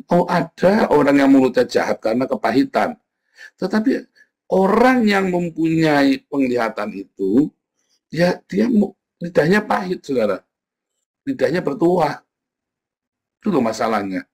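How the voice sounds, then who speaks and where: A man, a pastor, giving a casual, lively sermon, often mimicking other people's voices. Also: on the high side, slightly rough. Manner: lively, folksy, mimics voices, frequent "ya, Saudara".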